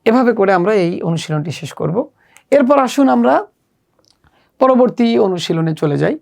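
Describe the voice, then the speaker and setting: A woman with a Bangladeshi accent teaches children Arabic letters in a step-by-step lesson, stretching and repeating each sound in slow pronunciation drills. Her mid-range voice is creaky and a little mellow, with lively intonation.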